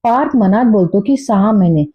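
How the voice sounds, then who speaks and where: A woman's voice: mid-range voice, lively intonation, normal speed, husky. A woman narrating a recap of a TV serial episode, retelling the plot steadily and reading out the dialogue. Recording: dull lo-fi recording.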